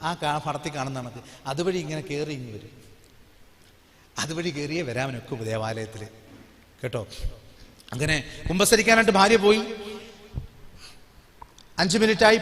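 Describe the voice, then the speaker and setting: A man's voice: a little high, slight background noise. Man preaching in a reverberant hall. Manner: dramatic storyteller, swinging from hushed to loud. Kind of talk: sermon with personal testimony.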